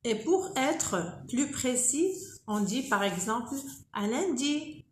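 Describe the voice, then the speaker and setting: A woman's voice: high-pitched, very animated, slow pace, a little mellow, roomy sound, a little hiss or hum. A woman teaching French greetings in a video lesson, repeating each word with care for her learners. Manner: careful, repeats words for learners. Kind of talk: slow spoken French lesson.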